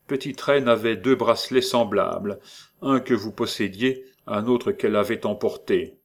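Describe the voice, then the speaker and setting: A man reading aloud, voicing a methodical investigator who speaks with measured authority and pauses on "euh". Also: on the low side. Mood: authoritative. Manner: measured, commanding, with hesitant "euh".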